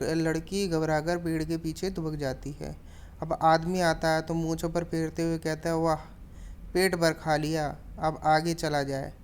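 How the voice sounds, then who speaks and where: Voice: medium pitch, a little mellow, a little hiss or hum. A teacher retelling a story chapter for students, with plain narration and casual asides to the class. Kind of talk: explaining a story lesson.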